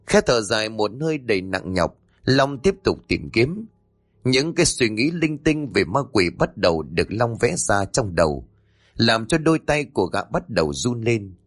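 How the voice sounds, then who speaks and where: A man's voice: fairly low pitch, sing-song, normal speed, no room sound, clean studio sound, soft background music. A man narrating a spoken horror story in a dramatic, tense manner.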